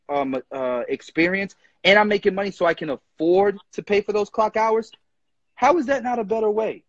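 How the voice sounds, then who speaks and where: A young man speaks with a somewhat husky, fairly high voice, pressing his points with passion and quick restarts. His voice comes close and dry through a phone held at arm's length, and the sound is dull and lo-fi. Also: dry recording. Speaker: barber educator, live stream host. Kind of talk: casual live chat. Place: indoor room with ceiling fan. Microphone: phone front camera at arm's length.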